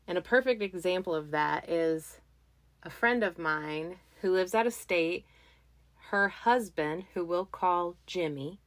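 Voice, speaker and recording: A woman hosting a podcast, telling a funny story in a playful, animated way. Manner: playful, animated, jumps into high squeaky voices. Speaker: podcast host. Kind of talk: casual storytelling.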